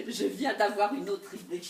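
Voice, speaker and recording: An actress playing a fiery vengeful jilted wife. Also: female voice, slight background noise, heavily acted. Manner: laughing, swinging between loud outbursts and low asides. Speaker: stage actress. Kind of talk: live stage comedy acting. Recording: echoey stage recorded from far off.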